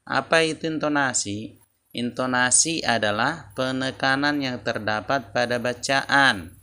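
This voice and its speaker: Slow, gravelly-voiced male teacher. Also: medium pitch, bright, forceful tone. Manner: slow, deliberate explaining with repetitions. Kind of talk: lesson video for children.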